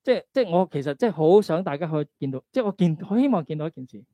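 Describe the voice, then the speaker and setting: Man, Hong Kong Cantonese accent, preaching pastor, mellow tone, slightly high pitch, exhorting, rhetorical questions, dry sound. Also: lively intonation, racing, no echo. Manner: exhorting, asks rhetorical questions and check-in tags. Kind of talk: conversational sermon with scripture readings.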